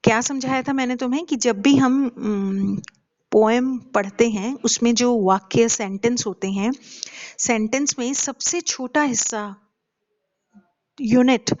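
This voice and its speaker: A woman lectures slowly and carefully, stopping often on hesitant fillers and asking her class questions. Her voice sits a little high. The recording sounds dull and lo-fi. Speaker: English literature teacher. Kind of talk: lecture mixing Hindi and English.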